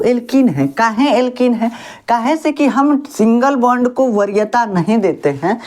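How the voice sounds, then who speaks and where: A woman's voice: medium pitch, darkish tone. A woman teaches a school chemistry lesson. She talks to her students like family and calls them babu. She keeps asking the class questions and answering them herself. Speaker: science teacher.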